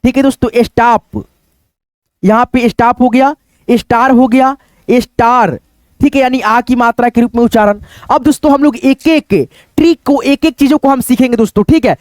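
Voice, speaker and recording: A man's voice: very high-pitched, fairly even intonation, normal speed, darkish tone, dry recording. A man teaching an English lesson, spelling words letter by letter and keeps asking his viewers questions. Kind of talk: spoken lesson.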